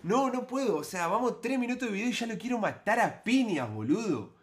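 A man's voice: sits high, very animated, brisk. Indignant Argentine man reacting to a clip. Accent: Argentine (Rioplatense) Spanish. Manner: indignant, exclamatory, colloquial. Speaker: streamer reacting to a video. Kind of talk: live-stream reaction commentary.

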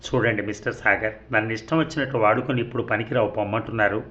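A man's voice: fairly low pitch, steady tone, fast, a bit bright, lo-fi sound, natural voice. A man voicing an angry wronged young woman. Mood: angry, tearful. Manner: pleading and threatening.

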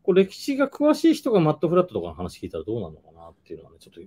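A man's voice: a little high, wildly swooping pitch, racing, warm tone, husky. A man hosting a casual chat with a guest, polite and affable. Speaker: host magician.

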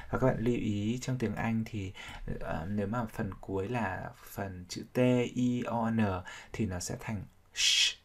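A man's voice: fairly low pitch, darkish tone, slightly rough. A man teaching English vocabulary, explaining each sound step by step and repeating words to drill them. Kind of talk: vocabulary pronunciation lesson.

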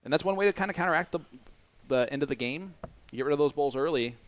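A man's voice: on the high side, expressive, quick pace. A man from Indiana with an American accent, hosting casual, bantering darts commentary with a joking, teasing manner. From Indiana, United States. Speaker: stream commentator and host.

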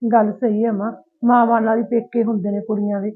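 A woman's voice: a little high, level tone, fairly quick, lightly acted. A woman playing a married daughter who visits her parents' home, aggrieved and emotional, with a Punjabi accent. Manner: complaining, hurt and emotional. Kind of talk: village short-film acting. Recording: tinny phone-like sound.

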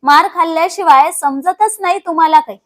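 A woman's voice: very high-pitched, brisk, a bit bright. A woman reading aloud voices a young husband who talks in a harsh, dismissive way.

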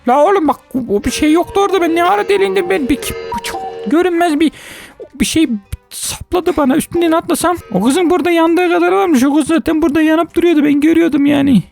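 A woman hosting a gaming video, giving excitable let's-play commentary, exclaiming often and talking straight to her viewers. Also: very high-pitched, fast talker, vocal fry, faint music behind.

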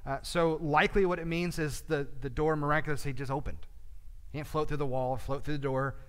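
A man's voice: on the high side, fairly even intonation, brisk, fairly bright tone, clean tone. A man teaching a midweek Bible study in a church, talking conversationally with frequent fillers, with a long reverb.

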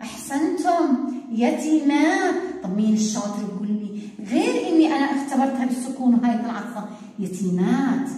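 A woman's voice: a little high, lively intonation, fast, warm tone. A woman teaching first graders, drawing out syllables in a sing-song way. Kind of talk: online classroom lesson. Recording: very echoey hall-like room.

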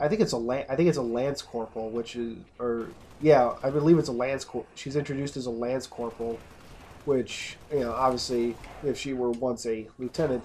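A let's play host casually comments over gameplay, rambling and frequently interrupting himself to restart sentences. His voice is medium-pitched and a little mellow.

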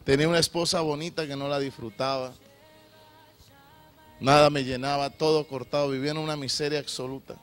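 A middle-aged male preacher with a bright, forceful voice that sits a little high. He swings between fervent shouts and hushed, confessional passages. Faint music runs underneath. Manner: emotional preaching, swings from loud shouts to low confessional tones. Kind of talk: sermon.

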